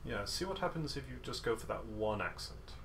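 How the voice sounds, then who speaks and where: A man leads an online guitar lesson over a video call, with a voice of ordinary middle pitch. He is playful and encouraging but nitpicky about detail. He often sings rhythms in nonsense syllables to demonstrate. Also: animated, fairly quick, vocal fry. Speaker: guitar masterclass teacher. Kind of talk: online music lesson coaching.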